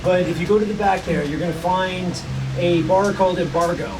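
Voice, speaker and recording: A man in his thirties with a high voice chats loosely from behind the bar, circling his point with lots of "like" and "uh" and false starts. He sounds a little distant from the mic, and steady bar noise sits under him. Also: fairly quick. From California. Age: 30s. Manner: rambling, lots of fillers and restarts. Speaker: bartender. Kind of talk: casual bar chat. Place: bar with air conditioning.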